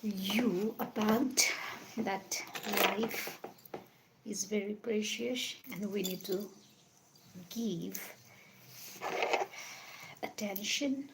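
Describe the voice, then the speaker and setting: A woman from Nepal hosting a casual livestream, talking in slow, halting phrases and repeating herself while feeling cold. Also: mid-range voice, heavy background noise. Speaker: livestream host.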